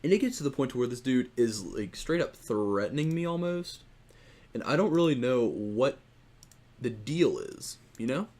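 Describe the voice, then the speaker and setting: Young male gamer for a casual rant vlog, exasperated and rambling, mid-pitched. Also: animated, moderate pace, darkish tone. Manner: rambling and exasperated, with frequent restarts and swearing. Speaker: gaming YouTuber. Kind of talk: casual gaming rant to camera.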